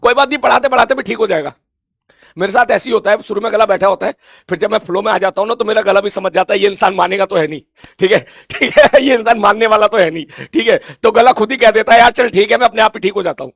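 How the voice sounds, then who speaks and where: A man with a hoarse, gravelly voice that sits high, chatting with students before class. He repeats his greetings and laughs easily. The sound is close and dry. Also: fast, fairly bright tone, no room sound. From India. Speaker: teacher. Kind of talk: casual chat before an online class.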